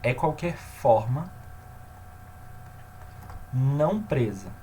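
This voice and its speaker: A man teaching a grammar lesson, often checking in with his listeners and slowing down to stress key terms. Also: medium pitch, expressive, mellow, slight background noise.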